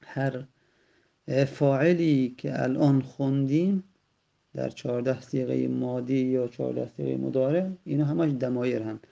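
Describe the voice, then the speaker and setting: A man teaches grammar patiently, rephrasing each point and talking straight to his student. His voice is dark and gravelly. The recording sounds dull and lo-fi. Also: medium pitch. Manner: patient, repeats and rephrases terms, addresses the student directly. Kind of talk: explanatory lesson.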